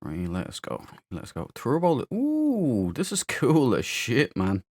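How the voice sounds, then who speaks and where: Wildly swooping in pitch, this medium-range man's voice moves unhurriedly with no echo. He hosts a casual let's play, muttering and repeating phrases for fun, while loud game ambience plays behind him.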